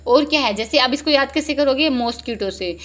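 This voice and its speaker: Lively, slightly high-voiced woman teacher. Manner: lively and joking, reads options slowly and explains each. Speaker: English exam teacher. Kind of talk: exam-prep lesson, Hindi mixed with English.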